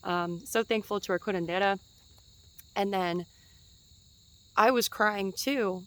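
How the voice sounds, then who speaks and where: A woman's voice: medium pitch, takes it slowly, a bit bright, poor audio. A woman in her twenties giving a casual spiritual teaching outdoors in a forest, chatty and meandering, with fillers and light laughs.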